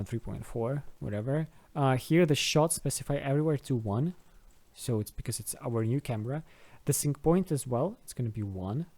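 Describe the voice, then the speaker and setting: Warm and medium-pitched, this man's voice guides an unscripted, screen-recorded video game modding tutorial that he hosts. He proceeds hesitantly, reasoning out loud one step at a time.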